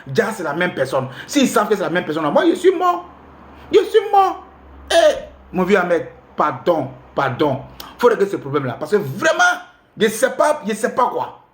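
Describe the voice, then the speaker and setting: A man talks in a high voice. He is exasperated and pleading, and he repeats his phrases. The room around him is echoey. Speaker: vlogger commenting on the news. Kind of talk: casual spoken commentary.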